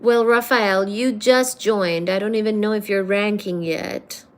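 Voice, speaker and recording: Here the livestream host has a medium-pitched voice with fairly even intonation and a measured pace. She goes through viewer comments casually, teasing them playfully and calling each one "darling."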